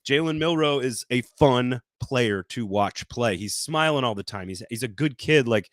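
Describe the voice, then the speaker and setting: A man hosting a casual sports talk debate, animated and quick to restart his sentences. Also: medium pitch, no room sound, studio quality.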